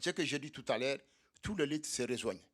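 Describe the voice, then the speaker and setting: In a meeting hall, a man with a mid-range, slightly bright voice delivers a militant speech to comrades at a solidarity evening. Speaking for undocumented migrants, he talks fairly quickly with lively intonation and repeats his points to rally the room.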